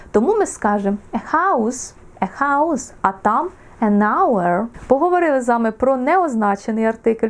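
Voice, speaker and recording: Woman teaching English grammar, clear and lively. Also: fairly high pitch. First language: Ukrainian. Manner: slows down to model English words, repeats them. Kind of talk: explaining grammar with examples.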